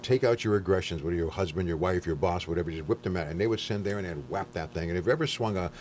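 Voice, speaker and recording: This is a man speaking as a guest counselor on a talk show. His voice sits very low and the words come out fast. He explains at length, often breaking off and starting a sentence again. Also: a little mellow. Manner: fast, explanatory, with frequent restarts. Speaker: guest counselor on anger management. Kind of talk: explaining in casual studio chat.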